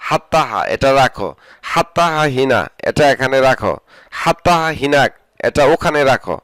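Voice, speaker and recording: A Bengali-speaking man teaching spoken Arabic, saying each phrase, repeating it slowly and translating it. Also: mid-range voice, animated, fairly bright tone, dry recording. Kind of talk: spoken vocabulary lesson.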